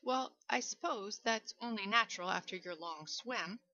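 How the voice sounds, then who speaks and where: A woman's voice: mid-range voice, normal speed, sharp tone, dull audio. A woman voicing a suave, menacing aristocratic male general with mocking courtesy.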